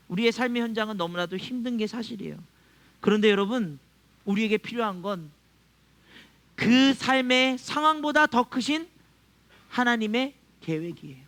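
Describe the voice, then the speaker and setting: A man's voice: extremely high pitch, pushed and bright. A male pastor preaching a sermon to his congregation, acting out quoted voices and chuckling often. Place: church.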